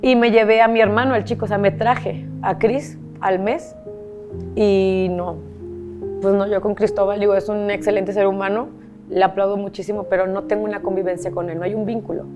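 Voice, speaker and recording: A woman's voice: mid-range voice, level tone, normal speed, over music. A woman from Monterrey with a Mexican accent, a guest telling her life story candidly, repeating herself and swearing casually. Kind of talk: emotional personal storytelling.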